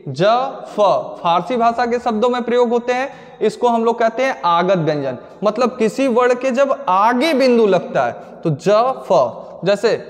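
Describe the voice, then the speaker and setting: Young guy teacher, high voice, talks thru exam grammar, asks himself then answers, long echo. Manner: explains step by step, asks and answers his own questions. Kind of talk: exam-prep grammar lesson. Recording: long hall reverb.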